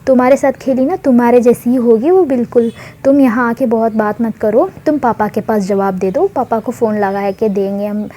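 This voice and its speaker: A woman's voice: a little high, moderate pace, warm tone, slight background noise, lightly acted. A woman voicing a teasing older sister who mocks her little brother in a spoken story.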